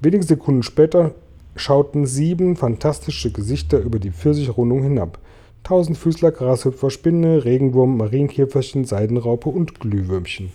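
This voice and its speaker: A man reading a children's story aloud with lively, expressive narration. His voice is very dark and mellow, and his pitch sits in the middle range. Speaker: audiobook reader.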